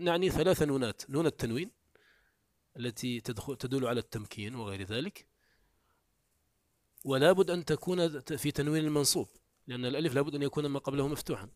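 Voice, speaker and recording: A man giving a classroom lecture on Arabic morphology, explaining step by step, asking quick comprehension questions, and reciting rhymed prose examples. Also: dry recording, studio quality. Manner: shifts often between raised emphatic and low quiet delivery.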